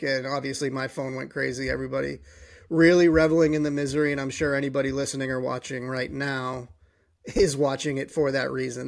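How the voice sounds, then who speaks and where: A man's voice: on the high side, gravelly. A podcast host, a man, ranting about sports in a frustrated, worked-up way and running out of breath.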